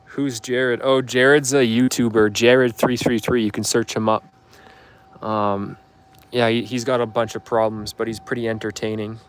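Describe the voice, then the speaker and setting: In a flat delivery at a moderate pace, a twenty-something Canadian man with a clear, resonant mid-range voice hosts a livestream. He answers viewers' questions in an offhand, rambling manner full of fillers.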